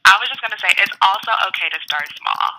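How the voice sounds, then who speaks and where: A woman joins as a guest and talks quickly with a very bright, sharp tone. She gives friendly, encouraging advice in a casual way. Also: medium pitch, lively intonation, a little hiss or hum, low-quality recording. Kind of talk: casual interview talk.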